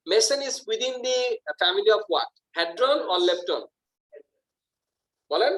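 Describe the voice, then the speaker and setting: A man's voice: high-pitched, a bit bright, rough recording. Male physics teacher. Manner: switches between Bengali and English, asks the class questions and answers them himself. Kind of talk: recorded physics lesson.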